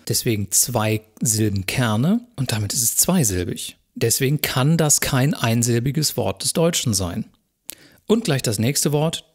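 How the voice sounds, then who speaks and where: A man giving a recorded university lecture, working through exam questions step by step in a calm, methodical way and speaking directly to his viewers. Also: mid-range voice, breathy edge.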